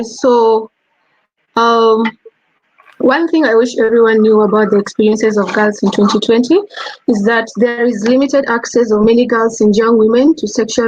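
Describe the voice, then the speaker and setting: A woman's voice: a little high, a little mellow, dry recording, poor audio. A young woman with a Kenyan accent answering earnestly as a panelist on a webinar video call. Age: young adult. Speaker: youth panelist.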